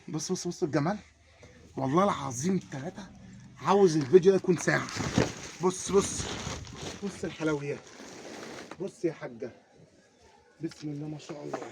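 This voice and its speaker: A man with an Egyptian accent giving an energetic carpet sales pitch, repeatedly urging viewers to look. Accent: Egyptian Arabic. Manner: repeats urgent calls to look, hawking patter. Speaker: carpet seller. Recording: noisy background.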